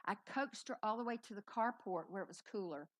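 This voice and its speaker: A middle-aged woman storyteller on a live festival stage, telling a personal story in an animated, dramatic way. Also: mid-range voice, a little fast.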